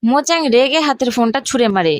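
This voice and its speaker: A woman narrating a recap of a drama in a steady, even reading voice. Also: fairly high pitch, fast talker, no room sound, clean studio sound. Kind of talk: scripted story recap narration.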